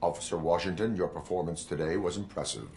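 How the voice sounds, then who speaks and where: An actor playing a stern male cyborg police officer who speaks in a flat, measured, commanding way. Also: sits low, a little hiss or hum. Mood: calm command. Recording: game audio over music.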